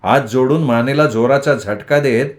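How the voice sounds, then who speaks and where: A man narrating a novel as an audiobook storyteller, in a measured, expressive way. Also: medium pitch.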